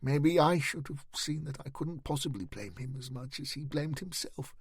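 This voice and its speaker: A man's voice: fairly high pitch, lively intonation, slightly rough, dry recording, studio quality, full character voice. Guy playing a shy awkward young dude, kinda stumbling over his words, storybook voice. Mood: rueful. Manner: hesitant, halting confession. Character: shy awkward young man, earnest and self-conscious.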